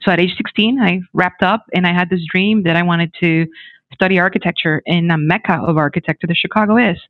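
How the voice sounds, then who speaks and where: Lively man from the Dominican Republic on a phone-like line. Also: high-pitched, brisk, no room sound. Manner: animated, many restarts and fillers. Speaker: guest, technology executive. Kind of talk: conversational interview.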